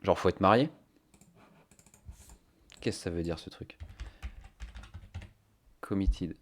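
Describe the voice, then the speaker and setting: Speaking slowly in a low-pitched voice, this man casually chats on a live stream with his viewers. He muses aloud with many fillers, and the microphone is cheap.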